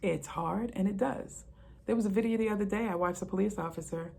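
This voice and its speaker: A woman's voice: mid-range voice, fairly quick, gravelly, a little mellow, breathy edge. A middle-aged woman, a retired police officer, telling stories in a casual monologue and repeating phrases for emphasis.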